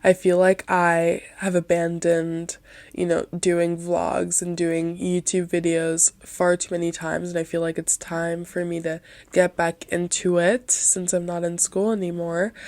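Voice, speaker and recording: Sick young woman with a nasal, gravelly voice. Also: lowish voice, darkish tone, no echo. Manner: encouraging, rambling, many "you know"s. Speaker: podcast host. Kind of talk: solo podcast talk.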